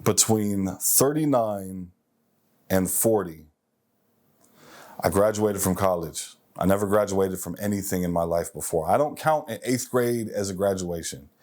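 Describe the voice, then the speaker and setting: In his motivational monologue, the forty-year-old self-improvement host speaks emphatically, returning to key phrases for effect. His voice sits low, with a darkish tone and a measured pace.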